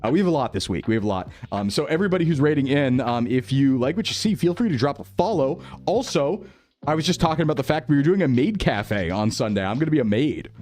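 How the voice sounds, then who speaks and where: A man's voice: mid-range voice, expressive, quick pace, darkish tone. A male VTuber chatting casually with his stream viewers, playful and jokey, heard through livestream headset mic audio. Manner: playful, jokey, laughing often.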